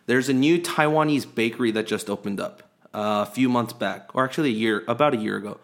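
A man's voice: mid-range voice, fast, a bit bright. A man co-hosting a sports podcast in casual chat, rambling and chatty with many fillers and restarts. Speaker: podcast co-host.

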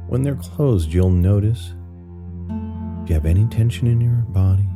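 Male sleep-story narrator for guided meditation, low and soothing, over prominent new-age guitar music. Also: moderate pace.

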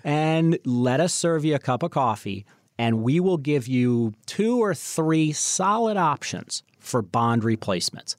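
A man's voice: fairly high pitch, animated, a little slow, no echo, clean studio sound. A man hosting a financial talk show, speaking off the cuff and addressing listeners directly and emphatically. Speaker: financial radio show host. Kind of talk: unscripted advisory sales talk.

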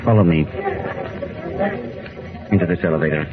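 An actor playing a menacing, smooth-talking fascist agent in 1940s radio style, deliberate and commanding. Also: male voice, sits low, crowd noise, lightly acted. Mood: scheming. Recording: dull old radio recording.

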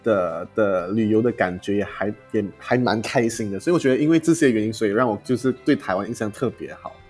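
A man's voice: fairly low pitch, fast talker, a little mellow, faint music behind. A man from Malaysia, chatting casually as a podcast guest. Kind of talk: casual chat.

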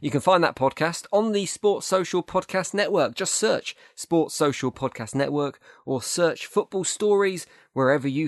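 A man's voice: a little high, dry recording, studio quality. A man hosting a sports podcast, putting questions to a guest and presenting. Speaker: podcast host interviewer.

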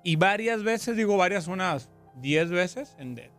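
Mexican male co-host, high-pitched, animated storyteller, light music under him. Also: measured pace. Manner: animated, quotes himself in lively asides. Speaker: show co-host. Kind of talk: casual storytelling chat.

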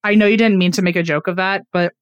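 A woman's voice: fairly low pitch, steady tone, quick pace, clean tone, no echo, highs cut off. Chatty self-deprecating woman co-host, dry sound. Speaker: podcast co-host. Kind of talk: casual storytelling chat.

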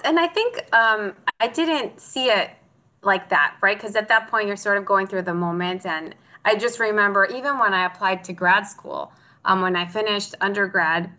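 A woman's voice: mid-range voice, pushed and bright. A woman, a guest telling her story in an earnest, heartfelt way in a casual interview. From Mexico. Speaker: guest, optical engineer.

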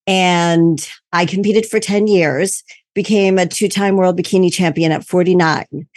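A woman's voice: lowish voice, fairly even intonation, unhurried, a little mellow, dry recording, studio quality. A woman in her sixties calling in to a fitness show with a question. She is friendly and polite, a little hesitant at times. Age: 60s. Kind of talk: caller asking a question on a video call.

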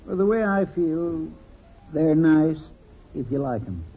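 An actor playing an easygoing, agreeable house painter in a 1950s radio sitcom, slow and noncommittal. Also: male voice, on the high side, lively intonation, slightly rough, faint music behind, exaggerated voice. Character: mild, easygoing middle-aged house painter. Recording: tinny old radio transcription with faint hiss.

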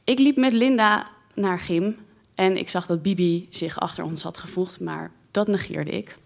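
A woman recounts a childhood memory in the first person, taking her time and bringing the scenes to life. Her voice sits slightly low. She tells it as a personal story to listeners. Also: gravelly. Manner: slow, lively, expressive storytelling.

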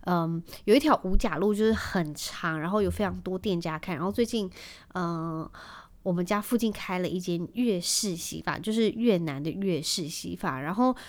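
A woman's voice: lowish voice, normal speed. A woman in her thirties from Taiwan, hosting her podcast in a rambling, chatty way with many fillers. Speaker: podcast host. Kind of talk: casual chat.

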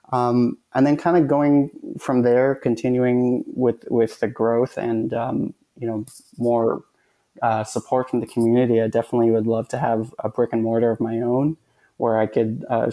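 A man who runs food pop-ups, answering interview questions hesitantly with many "um" and "uh" pauses. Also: mid-range voice, mellow.

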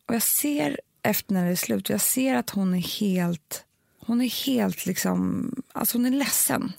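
A mother in a casual, emotional conversation, talking haltingly and repeating words when she gets upset. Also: mid-range voice, vocal fry, a little mellow, no room sound, studio quality. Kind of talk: casual chat.

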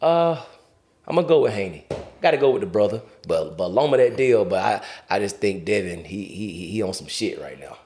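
A man's voice: fairly low pitch, lively intonation, brisk, a little mellow. A man hosting a podcast in casual, slangy conversation. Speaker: podcast host.

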